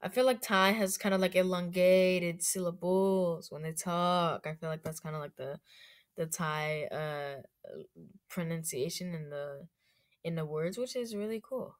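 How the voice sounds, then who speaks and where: A woman's voice: on the low side, a little slow. A young woman giving rambling, chatty commentary in a casual vlog, with plenty of fillers. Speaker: YouTuber.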